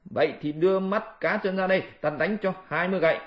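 A man doing a sharp mocking monkey warrior. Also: normal speed, lightly acted. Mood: threatening. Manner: scolding, threatening, raised pitch.

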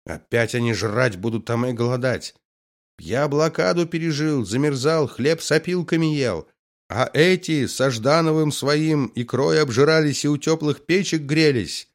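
A man voicing a bitter, furious old man who shouts from the crowd. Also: a little high, normal speed, voice pushed up, close to an everyday voice.

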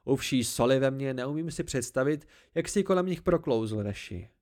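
A man voicing Bast, a volatile young fae man who pleads and shouts in high, excitable outbursts, in an amateur audiobook. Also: close to an everyday voice. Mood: agitated.

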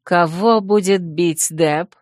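A reader voicing a calm, bold young woman. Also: medium pitch, slow, no room sound, studio quality, close to an everyday voice. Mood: confident. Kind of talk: audiobook character voice.

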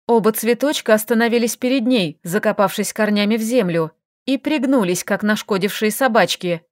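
A woman narrating an audiobook in a lively, expressive storytelling manner. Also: on the high side, dry recording, clean studio sound. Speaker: audiobook reader. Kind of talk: scripted narration.

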